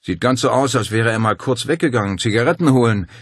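A cheerful young man talks playfully, with a grin in his voice, voiced by a male narrator. His delivery is husky and animated. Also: mid-range voice, quick pace, dry recording, studio quality, voice pushed up. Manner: grinning, playful, joking.

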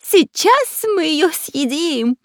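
A storybook narrator voicing a bumbling, greedy male spy who whines and squeals in a high, drawn-out voice. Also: very animated, no room sound, studio quality, heavily acted. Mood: whiny. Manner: whining, squealing.

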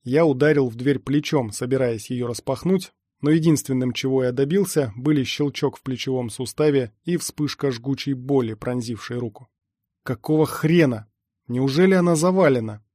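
A man reading a first-person action story aloud at a steady pace as an audiobook narrator. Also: mid-range voice, moderate pace, hardly any pauses, no room sound, studio quality. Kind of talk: scripted narration.

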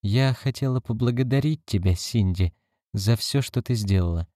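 A man's voice: fairly low pitch, normal speed, mellow, no echo, studio quality, lightly acted. Give me a man doing a tired, anxious mother in a storybook reading, weary and hesitant. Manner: weary, uncertain. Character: anxious tired adult woman, mother of three. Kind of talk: audiobook reading.

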